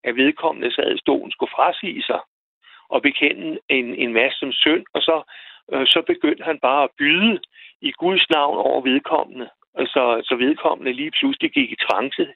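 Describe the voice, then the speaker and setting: A man calling in to a radio show, telling a personal story in a halting way, repeating words as he goes. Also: on the high side, lively intonation, vocal fry, dry recording. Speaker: radio caller. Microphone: telephone. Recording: tinny phone line, dry.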